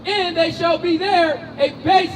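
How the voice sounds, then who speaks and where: A man reading scripture passages aloud for a street preacher, plain and steady. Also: very high voice, unhurried, distant mic, some chatter behind. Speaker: scripture reader.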